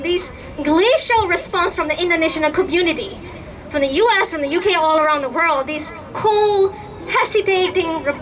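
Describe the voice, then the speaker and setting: A young woman from Burma addresses a rally crowd in a very high, bright voice. She speaks with fervent emphasis and stresses her key demands. Her delivery is a passionate public speech.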